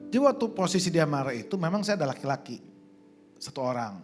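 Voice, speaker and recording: A man speaks as a podcast guest, rushing through his explanation and repeating phrases for emphasis. His pitch sits a little high and moves a lot. Guitar music plays clearly underneath him. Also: sing-song. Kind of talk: candid interview talk.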